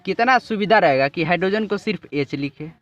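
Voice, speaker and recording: Casting: male chemistry teacher, slightly high voice, drawn-out explanations, dull lo-fi recording. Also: expressive, a bit bright. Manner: drawn-out explanatory, repeats and checks "ठीक है". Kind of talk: classroom lesson with a student.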